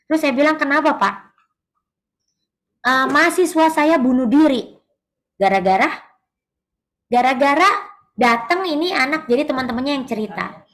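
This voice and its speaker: A woman's voice: high-pitched, fairly bright tone. A woman giving an earnest sermon-style church talk, telling stories and acting out the young people she quotes. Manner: earnest, addresses audience directly. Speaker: church speaker.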